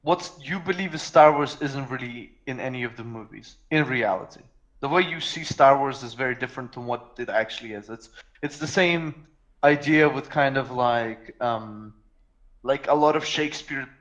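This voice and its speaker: A man's voice: medium pitch, normal speed, fairly bright tone, dull audio. A man from Russia in casual podcast chat, rambling and joking with swearing and frequent restarts. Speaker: podcast co-host.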